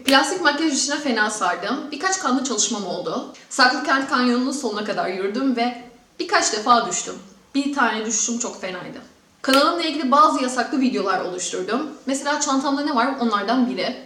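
A woman's voice: fairly high pitch, lively intonation, fairly quick, bright, forceful tone, slight background noise. A woman in her mid-twenties talking casually to her viewers as a vlogger. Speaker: YouTube vlogger and host. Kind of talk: casual vlog talk to viewers. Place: echoey room in a newly moved-into home. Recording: echoey room.

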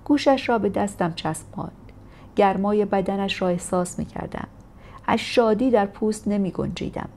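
A woman narrating a first-person memoir in a steady, measured audiobook reading. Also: medium pitch, gravelly, a little hiss or hum. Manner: steady, measured storytelling delivery.

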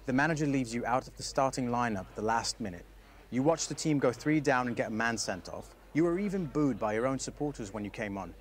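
A man voicing a professional male sports interviewer in a video game, asking crisp post-match questions. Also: medium pitch, expressive, close to an everyday voice. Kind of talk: scripted game dialogue.

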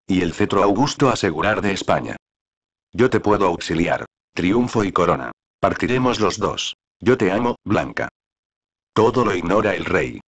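A man reading the part of a cruel, scheming nobleman in a play, in slow, solemn verse. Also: low-pitched.

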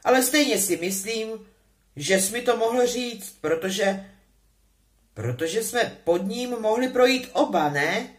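A woman's voice: a little high, animated, pitched above the performer's own voice, lightly acted. Woman doing Ron, a sulky sarcastic boy.

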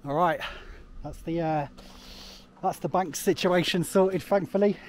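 A man's voice: sits high, unhurried, a little hiss or hum. A man, chatting casually and rambling with lots of fillers while hiking a snowy path, filmed on a camera at arm's length outdoors. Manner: rambling, chatty, laughs often, many fillers. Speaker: travel vlogger. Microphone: camera held at arm's length.

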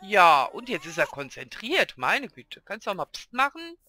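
A man's voice: high-pitched, wildly swooping pitch, normal speed, pushed and bright. A man casually commenting on his own gameplay as a let's play host, chatting to and coaxing the game characters along.

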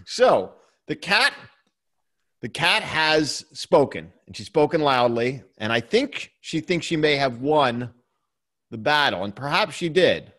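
Another co-host in the same home basement studio setup talks casually, wandering off topic with restarts and chuckles. He speaks slowly in a sing-song, fairly high voice that sounds pushed and bright.

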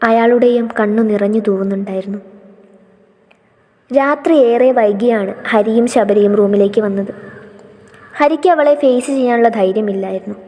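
A woman's voice: mid-range voice, normal speed, long pauses, warm tone. Woman narrating a story in a long-reverb room. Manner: reads all characters' lines herself with small shifts in tone.

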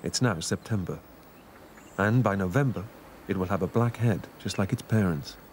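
A man narrating a scripted nature documentary in a measured, informative way. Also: low voice, a little hiss or hum.

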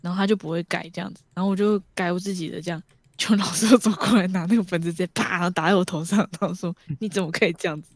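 Fast-talking woman chatting. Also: on the low side, steady tone, dry recording, clean studio sound. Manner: chatty, trails sentences with 这样. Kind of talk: casual group chat.

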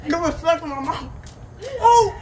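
A woman's voice: high-pitched, animated, measured pace, crowd noise. A woman taking a food challenge, reacting casually and mumbling with her mouth full. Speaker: challenge contestant. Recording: noisy, distant from the mic.

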